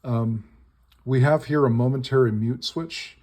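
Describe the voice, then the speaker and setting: A man's voice: mid-range voice, measured pace, darkish tone. A man giving a casual hands-on walkthrough, explaining piecemeal in short, tentative phrases. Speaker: demonstrator of a modified electronic instrument. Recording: very noisy, with device buzz and clicks. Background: electronic toy noises and button clicks.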